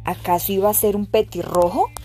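A woman's voice: mid-range voice, steady tone, fairly quick, dark tone, faint music behind, lightly acted. A woman voicing a grumpy, arrogant little male rabbit in a storybook reading, grumbling and scolding. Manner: grumbling, know-it-all scolding.

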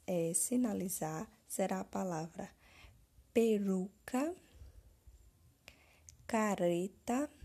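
A woman teacher reads out answer keys for young pupils, slowly and deliberately, spelling words out. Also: medium pitch, gravelly, mellow, breathy edge. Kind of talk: slow classroom answer-key reading.

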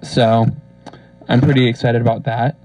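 A man's voice: medium pitch, flat delivery, moderate pace, darkish tone, no room sound. A young man co-hosting a casual podcast through an old karaoke microphone that makes him sound like a pilot on an intercom, giving short, hesitant answers. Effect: muffled karaoke-machine mic, like a pilot on an intercom. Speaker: podcast co-host. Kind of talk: casual chat. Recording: dull lo-fi karaoke mic, dry.

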